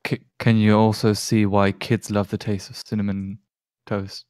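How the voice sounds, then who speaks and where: A man's voice: fairly low pitch, little pitch movement, moderate pace, a little mellow, no echo, clean studio sound. A man in casual, sweary banter with friends while playing a tabletop game.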